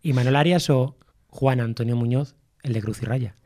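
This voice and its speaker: Male radio host, relaxed, jokey, loses the thread now and then. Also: mid-range voice, moderate pace. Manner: jokey, rambling, loses his train of thought. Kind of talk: casual chat.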